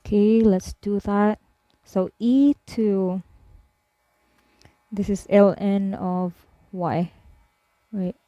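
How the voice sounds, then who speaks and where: A woman math tutor slowly talking through a worked problem step by step, with frequent fillers. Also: mid-range voice, dry recording, highs cut off. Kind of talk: screen-recorded math lesson.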